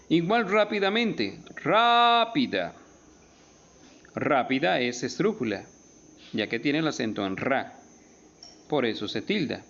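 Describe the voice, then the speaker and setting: A male teacher explaining spelling rules in a recorded lesson, stretching out and stressing each example word slowly and emphatically. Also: mid-range voice, highs cut off.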